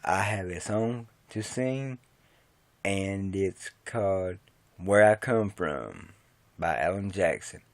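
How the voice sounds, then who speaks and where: A man quietly introducing a song he is about to sing, in a casual, low-key way to the camera. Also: lively intonation, takes it slowly, no echo. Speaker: amateur singer introducing a song.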